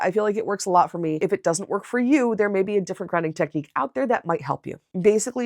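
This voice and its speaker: A woman calmly and conversationally talking viewers through a grounding exercise in a casual, instructive way. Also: fairly low pitch, no room sound, clean studio sound. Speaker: host of a mental health video series.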